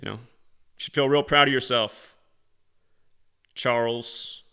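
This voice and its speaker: Guy leaving a snarky fake-admiring voicemail, crisp bright tone. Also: mid-range voice, fairly even intonation, slow. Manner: sarcastic, mock-admiring. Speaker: channel host.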